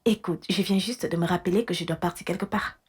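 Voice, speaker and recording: A flustered scheming wife. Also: female voice, lowish voice, fast, husky. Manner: flustered, hushing. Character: boastful scheming wife covering a lie. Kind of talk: French film dub.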